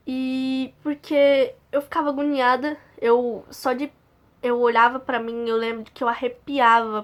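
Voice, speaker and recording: Earnest young Brazilian woman telling her story. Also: fairly high pitch. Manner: earnest, halting, with frequent restarts. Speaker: channel host. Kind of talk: personal storytelling to camera.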